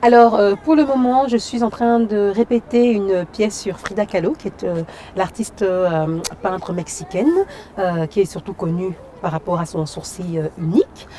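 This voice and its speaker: Brief: woman from Cameroon, actress-singer guest, warm mellow tone, lively casual chat with fillers. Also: medium pitch, normal speed, slight background noise. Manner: lively, frequent fillers and "tu vois".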